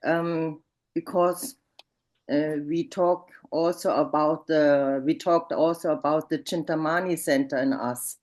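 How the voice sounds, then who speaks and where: A woman's voice: sits low, fairly even intonation, measured pace, a little mellow. A woman in an online group hesitantly asks the presenter a question. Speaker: group participant. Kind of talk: asking a question in group talk. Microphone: video call.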